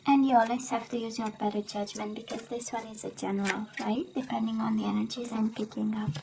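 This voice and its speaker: A woman doing a casual tarot love reading, hoarse as she loses her voice, often clearing her throat and tagging her sentences with "right?". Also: fairly high pitch, noisy background. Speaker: tarot reader.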